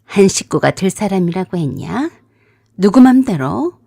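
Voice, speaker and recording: A woman voicing a furious, sharp-tongued older sister who shouts and curses. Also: mid-range voice, big pitch swings, measured pace, gravelly, husky, no echo, studio quality, full character voice. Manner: shouting, cursing.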